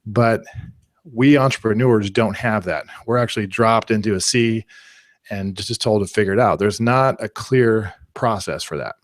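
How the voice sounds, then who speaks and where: A man presenting a live online marketing class, talking in an energetic, conversational way with analogies. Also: fairly low pitch, normal speed, no echo, studio quality. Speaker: webinar presenter.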